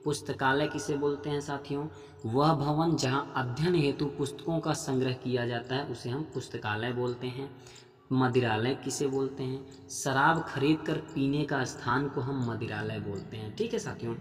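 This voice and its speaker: Jharkhand hindi tutor guy, mid pitch, patient, keeps checking in, echoey room. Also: steady tone, moderate pace, faint music behind. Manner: patient, addresses viewers as friends, repeats "theek hai". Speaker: exam-prep teacher. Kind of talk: explaining grammar practice questions.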